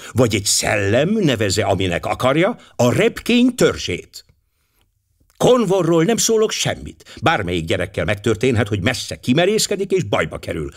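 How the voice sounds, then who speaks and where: A man voicing a worried American mother, speaking earnestly and pleadingly. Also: mid-range voice. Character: anxious American mother, middle-aged woman.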